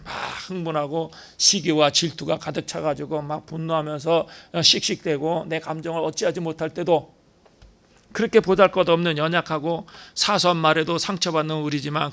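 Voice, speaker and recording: A man's voice: on the high side, fairly bright tone. A male pastor preaching a sermon, emphatic, asking rhetorical questions and dropping in short affirming "yes" interjections.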